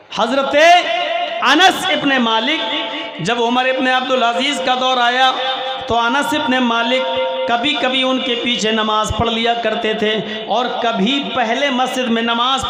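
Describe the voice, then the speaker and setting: A man preaching a sermon, listing duties in a steady rhythm and slowing down to chant verses in Arabic at a religious gathering. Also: very high voice. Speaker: Islamic preacher. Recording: echoey, roomy hall sound.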